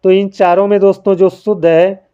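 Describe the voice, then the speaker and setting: Writing by hand as he speaks, this man teaches Hindi grammar through a spelling quiz, asking each question and then patiently supplying the answer at a slow pace while repeatedly addressing listeners as friends. His voice is mellow, smooth, and slightly high for a man, with a flat delivery. The audio is dull and lo-fi.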